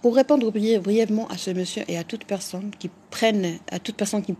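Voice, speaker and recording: A woman's voice: mid-range voice, normal speed, dark tone, slight background noise. A woman doctor from Morocco hosting a live stream, answering viewers' comments frankly, with frequent fillers and restarts.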